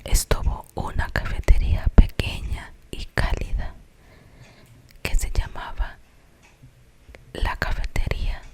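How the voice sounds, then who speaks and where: The tale comes in a slow, suspenseful whisper from a storyteller with a Colombian accent. It's ASMR in style, with pauses for little explanatory asides.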